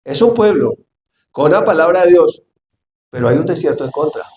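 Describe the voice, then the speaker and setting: Animated pastor in an echoey hall. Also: male voice, on the high side, normal speed, slight background noise. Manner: animated, acts out Bible scenes, shouts for emphasis. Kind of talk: sermon. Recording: echoey church hall, faint ambience.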